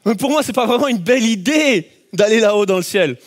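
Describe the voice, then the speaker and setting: Animated high-voiced male preacher. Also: a little fast. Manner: animated storytelling, acts out scenes with shouts. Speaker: pastor. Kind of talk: sermon.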